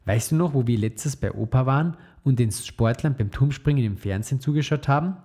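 A man reading the lines of a jovial, fond father in a children's story, in a relaxed, chatty tone. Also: medium pitch, fairly quick, lightly acted.

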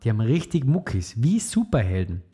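A man reading the lines of a jovial, fond father in a children's story, in a relaxed, chatty tone. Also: medium pitch, brisk, breathy edge.

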